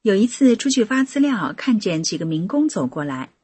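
A woman with a very husky, breathy voice reads a first-person account aloud, her pitch rising and falling in a lively way. The sound is close and dry with no room echo. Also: normal speed. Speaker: article reader. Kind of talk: scripted narration of a personal account.

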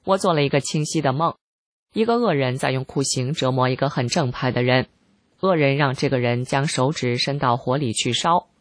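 A reader giving scripted narration of a first-person article in a calm, measured, even way. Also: mid-range voice, dry recording.

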